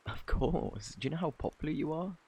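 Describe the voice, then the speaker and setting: A man with a British accent playing a flirty, bashful, kindly Cupid in an intimate ASMR romance roleplay, softly spoken, stammering and flustered. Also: fairly high pitch, lively intonation, creaky, breathy edge, exaggerated voice. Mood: flustered, apologetic. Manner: flustered, stammering, halting, apologetic.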